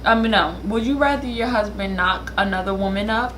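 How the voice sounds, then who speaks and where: A woman's voice: mid-range voice, a little fast, a bit bright, a little hiss or hum. A giggly drunk woman chatting casually as a vlog host, blunt and outspoken, swearing freely. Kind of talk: casual chat while doing makeup.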